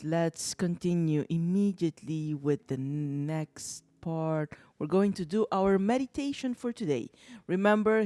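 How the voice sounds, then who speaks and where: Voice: mid-range voice, mellow, no echo. A co-host of a wellness talk show, speaking in a reflective way and often repeating phrases. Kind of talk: casual talk show chat.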